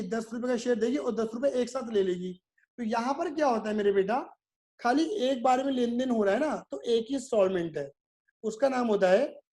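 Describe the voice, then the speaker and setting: A man's voice: very high voice, dark tone. A male commerce teacher giving a video lecture. He talks in a repetitive, drilling way, asks his students questions, answers them himself and calls them "my son".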